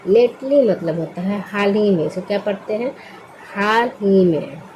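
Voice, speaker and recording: A woman's voice: medium pitch, lively intonation, measured pace, darkish tone, slight background noise, rough recording. A woman teaching English spelling word by word, patiently asking questions and answering them herself. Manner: patient, asks and answers her own questions. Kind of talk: slow spelling lesson.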